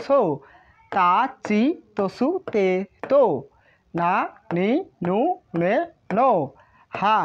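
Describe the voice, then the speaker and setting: A woman's voice: mid-range voice, darkish tone. A woman with a Bangladeshi Bengali accent, a language teacher patiently explaining and drilling syllables one by one. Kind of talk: explaining at a board. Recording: slightly dull lo-fi recording.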